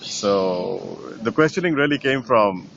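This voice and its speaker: A middle-aged painter from Nepal, answering interview questions in a thoughtful way, with many fillers and restarts. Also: male voice, fairly low pitch, expressive, a little slow, creaky, lo-fi sound, crowd noise. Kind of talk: conversational interview.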